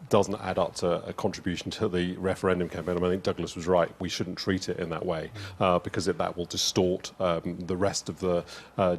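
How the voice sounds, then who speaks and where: Low-voiced deliberate male commentator. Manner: deliberate, reasoned, many "uh" pauses. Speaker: studio guest. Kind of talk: political commentary.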